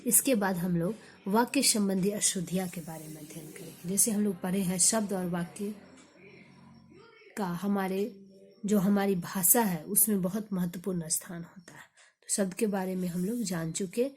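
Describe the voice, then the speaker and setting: A woman teaching a grammar lesson, slowly repeating example sentences for her students. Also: medium pitch, darkish tone.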